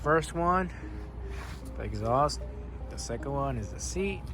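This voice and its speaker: A man's voice: medium pitch, expressive, unhurried, over music. A man talking casually to viewers in a laid-back, slangy way, as a motorcycle vlogger explaining things. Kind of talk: casual vlog talk, explaining bike modifications.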